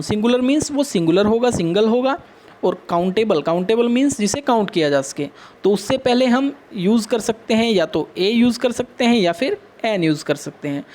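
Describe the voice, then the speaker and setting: A man's voice: sits high, darkish tone. A man with an Indian English accent teaching young pupils, asking questions and answering them himself as he explains step by step. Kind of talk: classroom lesson for children.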